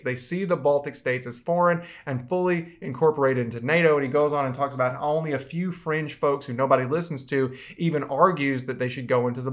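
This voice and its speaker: A man coaching debaters, explaining arguments in a conversational lecture and often checking in with "right?". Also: mid-range voice.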